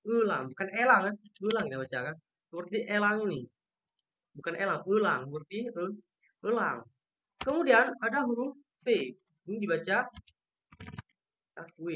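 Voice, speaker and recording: A Turkish language teacher from Indonesia giving an online lesson with a shared screen, patiently repeating each letter sound slowly to show how it is pronounced. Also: mid-range voice, dull audio, slight background noise.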